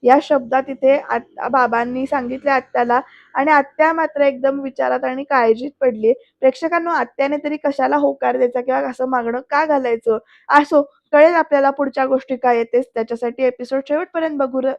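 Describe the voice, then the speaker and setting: A woman's voice: high voice, brisk, no room sound. A woman with a Marathi accent narrating a voice-over recap of a TV serial and speaking straight to the viewers. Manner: lively storyteller, addresses viewers directly. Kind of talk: voice-over episode recap with acted quotes. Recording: dry, dull lo-fi voice-over.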